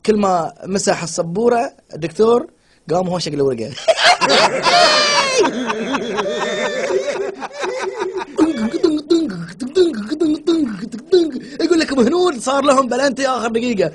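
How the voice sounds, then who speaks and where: A man with a Bahraini Gulf Arabic accent telling quick jokes casually among friends, often laughing through his words. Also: sits high, animated, over a noisy crowd. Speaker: joke teller. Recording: very noisy amateur recording.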